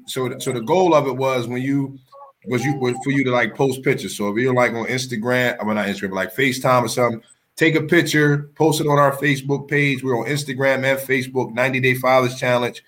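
A man's voice: medium pitch, fairly quick, fairly bright tone. Eager man promoting his project. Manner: eager, repeats himself. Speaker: organizer of a fathers challenge. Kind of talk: casual promotional chat.

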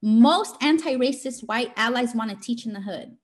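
A woman's voice: on the high side, lively intonation, moderate pace. A woman giving an informal motivational talk in an emphatic, scolding teacher voice, speaking directly and colloquially.

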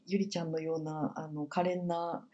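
A woman's voice: deep voice, flat delivery, moderate pace, dark tone, highs cut off. A Japanese woman hosting a casual podcast interview, attentive, with frequent short acknowledgments.

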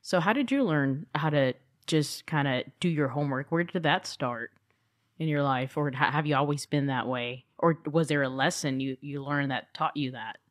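A woman hosting an interview, asking her guest questions in a slow, thoughtful way. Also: deep voice, no room sound, studio quality. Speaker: host. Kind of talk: casual interview.

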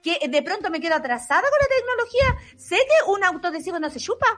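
A woman voicing a fussy older spinster civil servant with a shrill Chilean voice, prim and indignant, on radio comedy. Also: sing-song, fast, a bit bright, exaggerated voice. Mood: disgusted. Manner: prim, indignant, asks "¿ah?" a lot.

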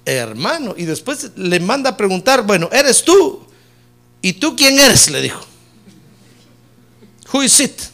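A middle-aged male pastor preaching a sermon with humor, swinging from loud emphatic peaks down to low soft asides. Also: sing-song, a little slow, pauses often. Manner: preaching with humor, rising loud on key points and dropping low and soft on "hermano".

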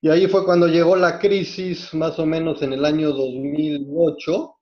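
A man's voice: a little high, normal speed, highs cut off. A man from Mexico City with a Mexican Spanish accent, a podcast interview guest who tells his career story step by step, often restarting phrases. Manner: steady, methodical storytelling with frequent restarts. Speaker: guest, hospital executive.

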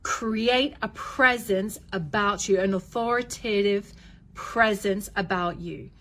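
A woman's voice: medium pitch, slow, fairly bright tone. A woman coaching parents in an instructional talk, firm and direct, repeating key points for emphasis.

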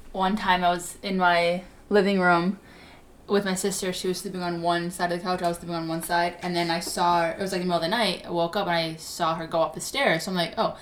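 A woman's voice: on the low side, fairly bright tone, a little hiss or hum. A young adult woman hosting a podcast, telling stories in casual chat with restarts and bursts of laughter. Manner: chatty storytelling with restarts and laughter. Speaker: podcast host.

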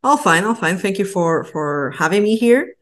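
A woman's voice: medium pitch, lively intonation, normal speed. A woman in her thirties from Portugal, a researcher patiently explaining her science in an interview, with small hesitations. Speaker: postdoctoral researcher, guest.

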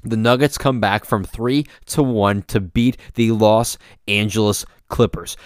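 Young male podcast host, smooth voice, dry close sound, opinionated and repetitive. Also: fairly low pitch, fairly even intonation, measured pace, no room sound. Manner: opinionated, repetitive, stumbles over words. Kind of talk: solo sports podcast rant.

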